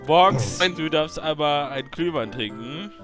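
Gaming host, male: high voice, lively casual delivery, music behind him. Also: unhurried. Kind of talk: casual excited gaming show chat in German. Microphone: voice chat over a game.

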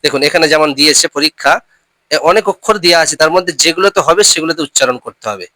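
A man teaching a recitation lesson. He spells out letters and syllables slowly, repeats them, and keeps reminding listeners to remember the rules. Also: a little high, bright, forceful tone, dry recording, poor audio.

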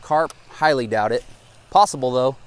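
A young man gives excited, casual running commentary to viewers while fishing from a pond bank, recorded on a head-mounted action camera outdoors. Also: medium pitch, normal speed, smooth. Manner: excitable, talks to viewers as guys. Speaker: fishing vlogger.

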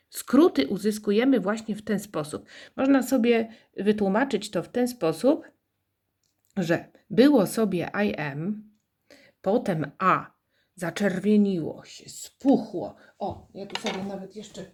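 A patient woman teacher gives a recorded English lesson to young children. She speaks very slowly at an even, middle pitch. She tells little stories to make the grammar stick and has the class repeat after her. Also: slightly rough. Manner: playful storytelling explanations.

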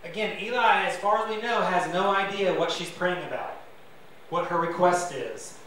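A man's voice: high voice, normal speed, bright, forceful tone, very echoey, recorded from a distance, slight background noise, rough recording. A man preaching a sermon to his congregation as pastor, conversational and self-deprecating, with asides to the listeners. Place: church sanctuary.

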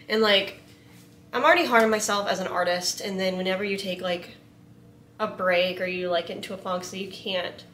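In her home kitchen, a vlogger and photographer cooks while chatting casually to camera, rambling and filling her speech with "like" and "um." Her voice is medium-pitched and fairly bright, with slight background noise.

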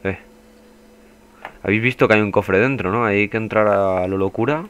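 A man's voice: on the low side, moderate pace, clean tone, dull audio. A young man giving casual, swearing let's play commentary as a gaming youtuber. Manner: swearing, chatty, bursts into panicked yelling.

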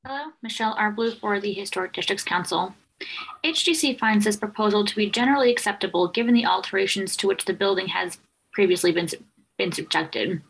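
A woman's voice: medium pitch, fairly quick, creaky, husky, low-quality recording. A woman reading brief, formal testimony for a preservation council at a public hearing.

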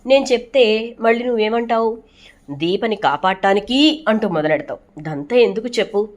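A woman voicing a stern middle-aged father in a TV serial recap, speaking firmly and measured. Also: fairly high pitch, expressive, muffled recording, voice pushed up, natural voice.

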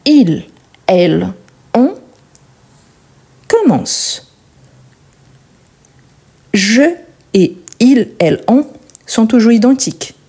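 Mellow, husky-voiced woman teaching French. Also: on the high side, very animated. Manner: explains slowly, stretches and stresses example words, asks "Ok?". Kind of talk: conjugation lesson.

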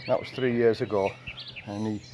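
Recorded outdoors on a camera mic a few meters away, with birdsong, rural ambience and a noisy background, an older man from England chats while cleaning his car at a house's carport. This vlogger tells rambling stories in a monotone, his voice on the low side at a moderate pace.

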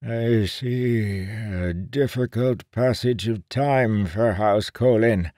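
Male narrator as a pompous old seer, pitched high and thin, snappish. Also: slow pace, mellow, dry recording, clean studio sound. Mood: muttering, ominous. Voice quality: crotchety, huffy. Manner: raised, strained old voice.

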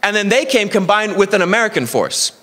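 A man's voice: high-pitched, animated, a little fast, sharp tone, big-room sound. A man preaching a sermon with energy, telling a story and often stumbling over repeated words. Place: church hall.

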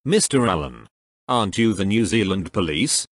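A man's voice: low-pitched, big pitch swings, moderate pace, dry recording, clean studio sound. Farmer Pickles, a man voicing an indignant farmer. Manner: indignant, complaining. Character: indignant middle-aged male farmer.

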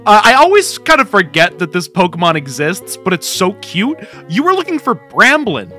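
A man in his thirties with a Long Island accent, bantering casually through a game in an excitable, dramatic, sweary way, close to the microphone. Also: high voice, normal speed, soft background music. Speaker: gaming challenge player. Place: small indoor room with a drum kit. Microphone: close boom-arm microphone.

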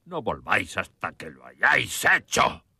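An actor in a dubbed film playing a wounded, vengeful frontier father who barks harsh orders at his sons, with a husky, gravelly voice. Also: lowish voice, sing-song, unhurried, sharp tone, dry recording, full character voice. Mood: scolding.

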